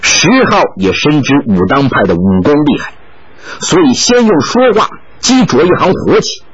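Expressive male storyteller, dull recording. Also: fairly high pitch, normal speed, husky. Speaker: audiobook narrator. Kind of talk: storyteller narration of a martial-arts novel.

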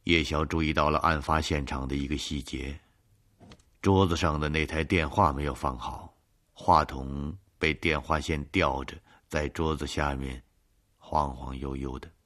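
Extremely deep-voiced male storyteller. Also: measured pace. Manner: steady, even storyteller delivery. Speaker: narrator. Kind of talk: scripted storytelling narration.

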